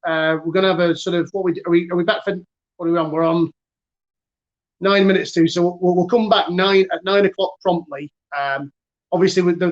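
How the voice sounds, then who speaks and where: A man's voice: on the high side, dull audio. A man with a Northern English accent hosting a casual online quiz, chatty and self-mocking, with lots of fillers. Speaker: quiz host.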